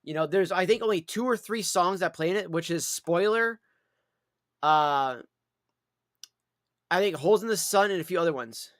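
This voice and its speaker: A man's voice: sits high, moderate pace, long pauses, a bit bright, dry recording, clean studio sound. A man chatting casually on a livestream in a rambling, repetitive way, with some swearing. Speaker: live streamer.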